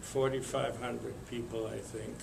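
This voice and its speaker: An older man from Lithuania, telling his life story to an audience in a slow, halting way with many pauses and fillers. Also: medium pitch, little pitch movement, vocal fry, echoey room, very noisy. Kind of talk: spoken testimony to an audience.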